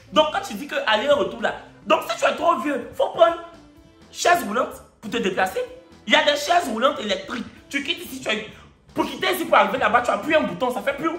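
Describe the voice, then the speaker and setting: A man's voice: very high voice, voice pushed up, full character voice. A man putting on an Ivorian accent to play himself, exasperated and mocking, in an echoey room with faint music. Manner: animated, mocking, rhetorical questions.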